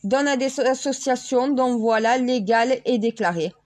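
A woman's voice: a little high, normal speed, darkish tone. A French woman talking casually to viewers in a rambling way, with frequent laughs and restarts. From France. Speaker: self-styled spiritual vlogger.

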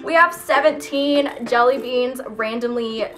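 A woman's voice: high voice, measured pace, fairly bright tone. A young adult woman chatting casually as a vlog host, giggly and grossed out as she eats gross jelly beans. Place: small room at home, indoors. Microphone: camera a short distance in front.

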